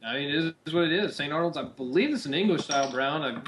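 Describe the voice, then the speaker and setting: A man's voice: on the high side, animated, fast talker, background noise. A man co-hosting a casual beer-tasting chat, rambling and easygoing with lots of filler. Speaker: podcast co-host.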